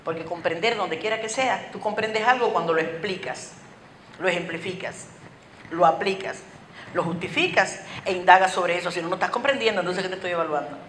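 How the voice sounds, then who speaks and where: Mujer cubana que habla muy rápido. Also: female voice, on the low side. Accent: Cuban Spanish. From Cuba. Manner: very fast-talking, lively and rhetorical, with many questions. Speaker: conference speaker. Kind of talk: lecture to teachers. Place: school auditorium. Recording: echoey hall with faint noise.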